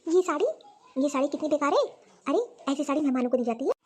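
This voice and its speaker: A woman's voice: sits high, expressive, fast talker, darkish tone. A woman voicing a stern, proud elderly grandmother-in-law in a cartoon story who scolds and lectures her family. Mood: complaining.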